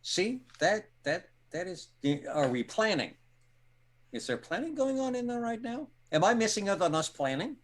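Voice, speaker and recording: A man's voice: high voice, very animated, voice pushed up. Man as a quizzical, courtly vampire. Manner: halting, inquisitive. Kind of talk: tabletop role-play acting.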